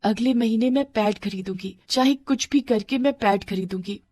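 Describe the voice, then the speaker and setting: A woman voicing a gentle, poor schoolgirl who speaks softly and pleadingly. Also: fairly high pitch, moderate pace, pitched above the performer's own voice, close to an everyday voice. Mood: earnest. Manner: soft, pleading, pained.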